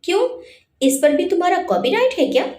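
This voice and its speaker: A woman's voice: extremely high pitch, sing-song, brisk, darkish tone, reverberant, a little hiss or hum, voice pushed up. A woman voicing a scornful young man, a rival in love, who mocks and lectures in a storybook reading. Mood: mocking. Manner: mocking, contemptuous.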